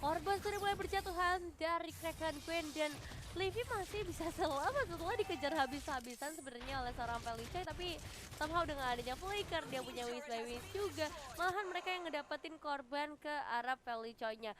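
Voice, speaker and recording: A woman commentating and analysing an esports match like an animated game announcer. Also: high voice, fairly quick. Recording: broadcast with clear background noise.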